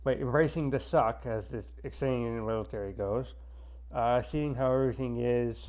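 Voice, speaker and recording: A man giving a casual movie review with a pen held in his mouth, his speech impeded and halting, stuttering and repeating words. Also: mid-range voice, darkish tone. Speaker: movie reviewer, army soldier.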